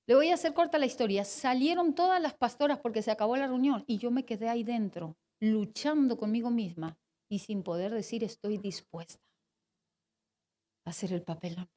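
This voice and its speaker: A woman pastor in her forties with a Spanish accent preaches from the pulpit, her voice sitting high. She tells a personal testimony in a lively, storytelling way, dropping to near-hushed moments and then rising to emphatic ones. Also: fairly quick. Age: 40s. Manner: storytelling, animated, swings between hushed and emphatic.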